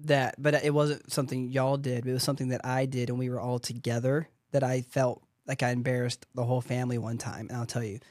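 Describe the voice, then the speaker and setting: A man's voice: medium pitch, fast, few pauses, dry recording, studio quality. A man co-hosting a casual podcast, telling family stories with lots of laughter. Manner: animated storyteller, laughs often. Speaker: podcast co-host. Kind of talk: casual chat.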